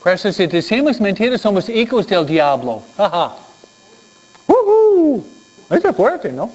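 A man's voice: sits high, moderate pace. A man giving a Sunday school lesson, telling stories and quizzing the kids. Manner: animated storytelling with questions to the kids. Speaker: children's teacher. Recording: dull lo-fi recording.

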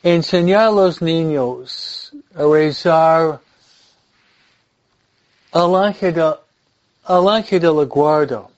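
Slow-speaking male priest with English-accented Spanish. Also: a little high, muffled recording. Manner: deliberate, halting delivery with repeated phrases. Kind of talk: informal religious talk and blessing.

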